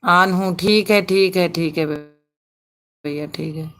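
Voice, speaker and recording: A woman's voice: fairly low pitch, slow, a bit bright. A woman hosts a casual live stream on her phone and chats away. She reads viewer comments aloud, greets people one by one and laughs often.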